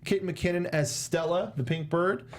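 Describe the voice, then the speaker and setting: A young man co-hosts a casual film review chat in a small indoor studio, playfully sarcastic and mock-dramatic. His voice is high-pitched with fairly even intonation and an unhurried pace, captured close on a desk microphone with a foam windscreen while he monitors on a headset.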